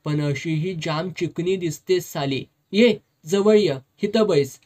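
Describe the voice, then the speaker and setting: A reader voicing a drunk, lecherous, domineering officer who slurs his words and shouts, in a storybook reading. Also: medium pitch, takes it slowly. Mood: leering. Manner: slurring, bullying, shouts.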